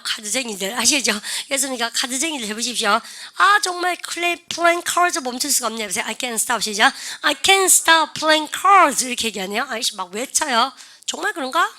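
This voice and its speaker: A woman's voice: high-pitched, pushed and bright. A woman teaching English and leading her class in repeat-after-me drills, coaxing and calling out cues.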